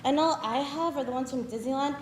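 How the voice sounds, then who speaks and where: A young woman playing a sarcastic teenage younger sister with wry, quick comebacks in a campus stage play. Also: high voice, echoey room, slight background noise, close to an everyday voice, rough recording. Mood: wistful. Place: live stage in a hall.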